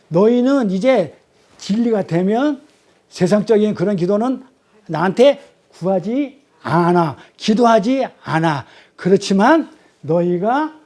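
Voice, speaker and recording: A man's voice: high voice, dark tone. A man teaching a Bible study sermon, questioning his class and repeating key phrases.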